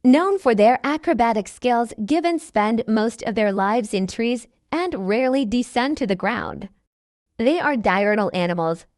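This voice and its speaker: A woman reading scripted nature documentary narration in a measured, instructional manner. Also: a little high, no room sound, studio quality.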